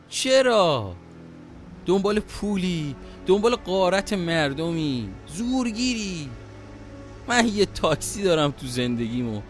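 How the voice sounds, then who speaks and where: High-pitched pleading older taxi driver played by a man. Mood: reproachful, pleading. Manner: pleading, stammering under pressure. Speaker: voice actor in an audio drama. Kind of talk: dramatic audio drama acting.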